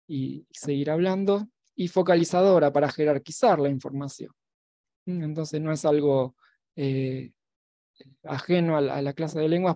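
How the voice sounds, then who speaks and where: A man giving an academic talk as a lecturer at a virtual symposium. He pauses and restarts often, with many fillers and tag questions. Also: a little high, mellow, no echo. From Argentina. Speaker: university lecturer.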